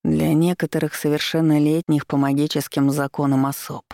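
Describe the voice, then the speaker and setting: A reader voicing a teasing, domineering male demon who speaks low and drawn-out. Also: flat delivery, gravelly, dark tone, dry recording, studio quality, natural voice.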